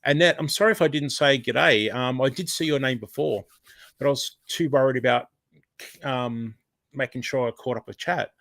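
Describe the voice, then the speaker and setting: A man's voice: mid-range voice, moderate pace, gravelly, no echo. Chatty Australian man hosting a live stream. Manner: chatty, rambling, with many fillers and restarts; warm thanks to viewers, often exclaiming. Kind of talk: casual live chat reading comments.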